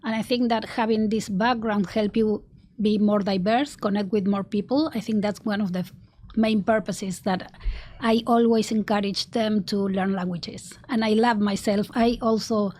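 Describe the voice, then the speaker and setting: An earnest marketing executive from Argentina, speaking with an Argentine Spanish accent as a native Spanish speaker, keeps restarting her interview answers and laughing quietly. Her voice is medium-pitched, fairly even, at normal speed.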